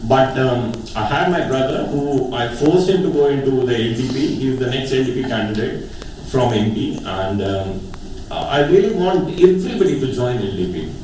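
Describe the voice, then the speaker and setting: The recording, made with a distant mic in a very echoey hall with faint noise, captures an eye surgeon with a North Indian accent giving a heartfelt, informal testimonial. He has a slightly mellow mid-range voice with lively intonation at a moderate pace, speaking emphatically and frequently repeating phrases.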